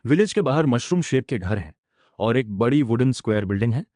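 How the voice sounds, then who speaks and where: A man's voice: medium pitch, lively intonation, brisk, a little mellow, no echo, clean studio sound. A man narrating a fantasy story recap in a dramatic storytelling manner, speaking every character's lines himself.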